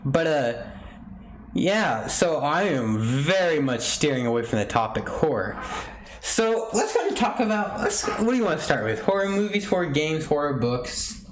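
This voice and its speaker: Young man with a lively, bouncy voice. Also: a little high, normal speed, slight background noise. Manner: rambling, jokey, laughs often. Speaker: podcast host. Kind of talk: casual chat.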